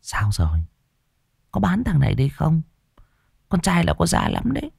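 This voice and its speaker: A man voicing a greedy woman kidnapper who speaks in a hushed whisper. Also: on the high side, wildly swooping pitch, normal speed, vocal fry, breathy edge, dry recording, clean studio sound, pitched above the performer's own voice, heavily acted. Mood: scheming.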